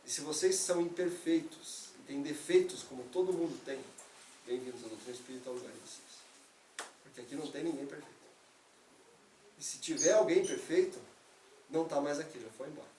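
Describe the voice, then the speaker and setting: A man's voice: a little high, a little fast, dark tone, slight background noise. A man from Brazil giving an earnest, conversational spiritist lecture, acting out everyday excuses as quotes. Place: lecture hall of a spiritist center. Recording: echoey hall, speaker far from mic.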